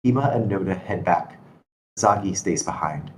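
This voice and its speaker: A low-voiced man serves as narrator at a screenplay table read, reading the stage directions expressively at normal speed. The recording is low in quality and has steady background noise throughout.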